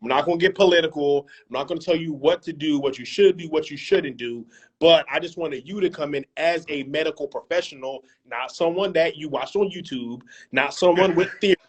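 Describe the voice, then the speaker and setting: A man's voice: fairly high pitch, fairly quick, husky. A man hosting an interview over a video call, casual and joking, full of fillers and repeated phrases. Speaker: host.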